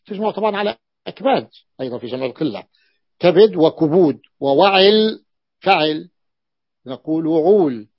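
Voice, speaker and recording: A man teaching a classroom grammar lesson, his voice a little high and husky. He explains slowly and repeats each example word before giving its pattern. The recording is dry and dull, with a lo-fi sound. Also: no echo.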